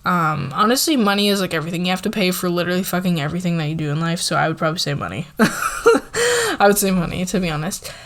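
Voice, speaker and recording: Soft-spoken young woman, slightly low voice. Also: fast talker. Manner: soft-spoken, relaxed, many "like" fillers, drifts into whispers. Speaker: ASMR creator answering viewer questions. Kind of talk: casual Q&A chat.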